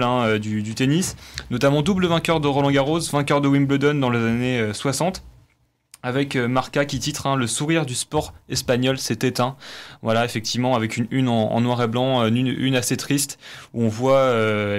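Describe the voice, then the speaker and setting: Hesitant man reading sports press. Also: medium pitch. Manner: hesitant, many fillers and restarts. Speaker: press review presenter on student radio. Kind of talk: radio press review.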